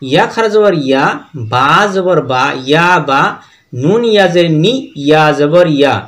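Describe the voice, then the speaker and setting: High-voiced man teaching slow recitation. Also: expressive. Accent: Bangladeshi Bengali. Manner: slow letter-by-letter drilling with sung recitation. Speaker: Quran reading teacher. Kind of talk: spelling out Quran recitation.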